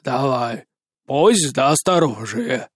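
A slow, low-voiced president who hands down orders with heavy authority, as a man reads him. The voice sits lower than the narrator's own tone and stretches out every phrase. The recording is close and dry. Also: sing-song, no room sound. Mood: commanding. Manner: slow, low, commanding drawl. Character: slow gruff male president, imperious.

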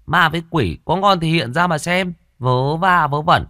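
A man's voice: a little high, lively intonation, takes it slowly, pushed and bright, dry recording, pitched above the performer's own voice, heavily acted. A bold, cheeky young village girl taunting the spirits, as a male narrator puts her on in a ghost story. She sounds raised and brash, and the recording is dry. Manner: mocking, bossy.

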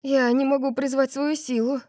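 A woman reading the lines of a nervous young female student in an audiobook, hushed and uneasy. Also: on the high side, animated, normal speed, no echo, studio quality, lightly acted.

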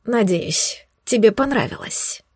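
A woman's voice: a little high, lively intonation, unhurried, darkish tone, breathy edge, no room sound, clean studio sound. A woman voicing a smug, teasing male demon.

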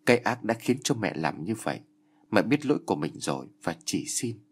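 Panicked older mom, put on by a man, sobbing and stammering, husky low voice. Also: sing-song, fairly quick. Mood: pleading. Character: terrified older mother begging forgiveness.

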